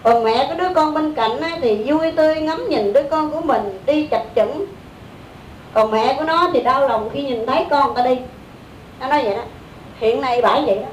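A woman with a Southern Vietnamese accent preaching a Buddhist story in a conversational way, often saying "đó" and "á". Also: normal speed. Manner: conversational, with fillers like "đó" and "á". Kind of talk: sermon storytelling. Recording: echoey room, distant mic, faint rumble.

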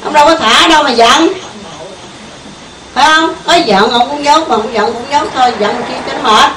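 Woman, Southern Vietnamese accent, Buddhist teacher, high voice, echoey room, mic at a distance. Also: normal speed. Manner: conversational, keeps asking the listeners questions. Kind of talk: informal dharma talk to a group. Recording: echoey room, mic far off, faint hiss.

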